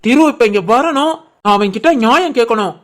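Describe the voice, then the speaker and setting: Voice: mid-range voice, brisk, close to an everyday voice. A voice artist playing an eager, lovestruck young office worker in a cartoon, with a southern Tamil Nadu dialect. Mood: doting. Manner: pleading, doting, excitable. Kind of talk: cartoon voice acting.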